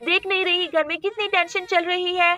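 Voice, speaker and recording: A woman's voice: extremely high pitch, fairly even intonation, moderate pace, bright, forceful tone. A woman voicing a stern mother who scolds and threatens her two daughters in a doll story. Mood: scolding.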